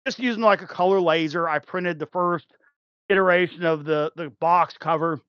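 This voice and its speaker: High-voiced man chatting with many fillers. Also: moderate pace, fairly bright tone, clear, resonant tone, dry recording, muffled recording. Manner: rambling, many fillers and restarts, laughs easily. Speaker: podcast guest, game developer. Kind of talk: casual chat.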